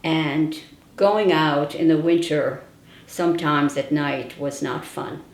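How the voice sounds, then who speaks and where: Speaking slowly and steadily in a low voice, an older woman interviewee reminisces about her childhood for an oral history, telling it like a storyteller and adding wry asides. A roomy indoor echo surrounds her.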